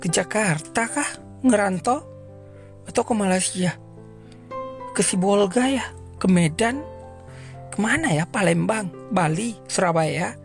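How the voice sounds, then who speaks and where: A woman's voice: mid-range voice, a little slow, vocal fry, long pauses. A woman voicing a sulky, resentful teenage girl in a cartoon. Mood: bored. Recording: faint music underneath.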